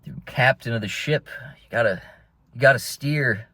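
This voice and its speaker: A man's voice: medium pitch, moderate pace, sharp tone, no room sound. A young man vlogging from inside a car, rambling in a laid-back way and calling his listeners bro. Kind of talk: casual rambling monologue.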